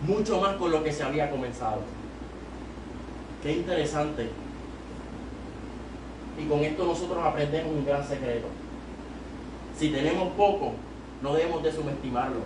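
A young Puerto Rican man preaches at a youth service, his slightly high voice moving at normal speed with long pauses and carrying a Puerto Rican Spanish accent. The evangelist stands at a small sanctuary pulpit with a handheld mic, exhorting up to loud, emphatic peaks. Shot from afar, the recording is noisy and echoey.

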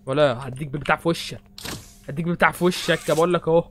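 A man's voice: fairly high pitch, fairly even intonation, rapid-fire, faint music behind. A young Egyptian man hosting a horror game playthrough, rambling and joking nervously. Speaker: gaming host.

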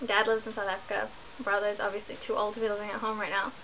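A young woman from New Zealand vlogs from her small bedroom, chatting casually to her laptop webcam in a rambling way and correcting herself as she goes. Her mid-range voice is flat, rapid-fire, and sharp, and the rough recording carries slight background noise.

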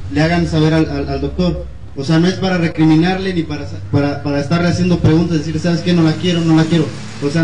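Distant man calming a crowd. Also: on the high side. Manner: calming, repetitive, many fillers. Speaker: meeting organizer. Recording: distant mic, echoey room, faint noise.

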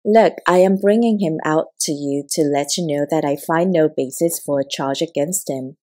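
A stern Roman governor questions a prisoner, as a woman reader voices him. The voice sits low and mellow, read plainly as an audiobook passage rather than fully acted. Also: moderate pace. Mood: questioning. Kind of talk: scripted audiobook reading.

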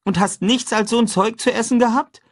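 A man voicing a lively, curious runaway boy who asks eager questions, in an audiobook. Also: very high voice, normal speed, pitched above the performer's own voice.

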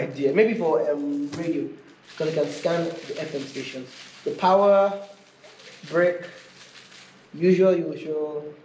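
A man with a somewhat high, darkish voice hosts an unscripted unboxing video, chatting casually and thinking out loud while he reviews a product. The room is echoey, and background noise is clearly audible.

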